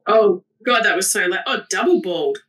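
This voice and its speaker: A woman chatting casually while playing a game, laid-back and drawn-out in her delivery. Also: medium pitch, expressive, fairly bright tone, a little hiss or hum, rough recording. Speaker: gamer. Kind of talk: casual gaming chat.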